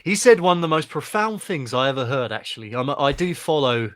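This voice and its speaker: A man's voice: mid-range voice, big pitch swings, fairly quick, a bit bright, no echo. A man from England co-hosting a podcast in casual chat, chatty and self-deprecating, laughing often. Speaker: podcast co-host.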